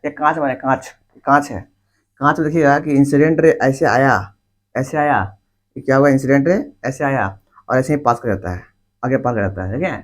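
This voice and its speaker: A man's voice: mid-range voice, brisk. A male teacher giving a class lecture, repeating key words and asking the class questions that he answers himself. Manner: repetitive, asks questions and answers them himself; informal, addresses students directly.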